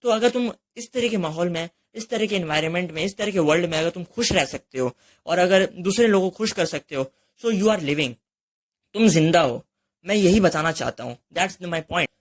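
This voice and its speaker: A young man delivers an earnest motivational monologue with a slightly high voice. He drives his points home through repetition, speaking straight to the listener and slipping English phrases into his talk. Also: animated, normal speed. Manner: mixes English phrases into Hindi speech.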